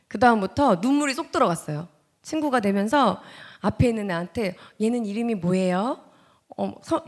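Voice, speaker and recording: A woman in her thirties gives a church testimony as a guest speaker. She tells her story with strong feeling and acts out her own past words. Her voice swings from loud, heated lines to hushed ones that drop close to a whisper. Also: medium pitch. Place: church sanctuary.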